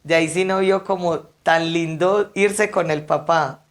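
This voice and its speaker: A woman's voice: on the low side, a little slow. A woman who works at funerals, telling anecdotes in an interview and animatedly acting out the people in them. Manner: animated, acts out quotes. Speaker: funeral service worker.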